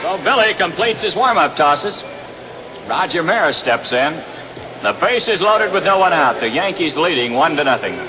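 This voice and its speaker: Here, a man with an American accent handles live play-by-play for baseball on a noisy 1960s radio broadcast from an outdoor stadium, where the ambient noise is loud. He speaks at a normal speed in a sing-song voice that sits on the high side.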